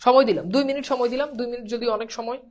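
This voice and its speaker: A woman's voice: on the high side, steady tone, rapid-fire. A woman teacher gives a pronunciation lesson. She drills each word by repeating it and keeps quizzing her students.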